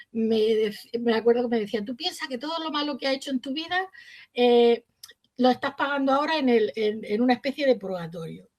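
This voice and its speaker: Middle-aged woman teacher, somewhat high voice, tells anecdotes and acts out the dialogue. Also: a little mellow. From Spain. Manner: storytelling, acts out quoted dialogue. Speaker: primary school teacher. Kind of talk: reflective interview answers.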